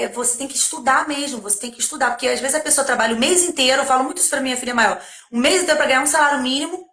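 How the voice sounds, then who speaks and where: A woman's voice: high voice, a bit bright, echoey room. A Brazilian woman, an educator in child abuse prevention, telling stories in an emphatic casual chat and acting out the dialogue. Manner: emphatic, acts out dialogue in quotes. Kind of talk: casual live chat storytelling.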